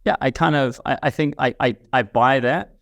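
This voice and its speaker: A man's voice: medium pitch, moderate pace, vocal fry, no echo. Reflective man. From New Zealand. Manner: thoughtful, reflective, with frequent restarts. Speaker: guest, company CEO. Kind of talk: casual interview chat.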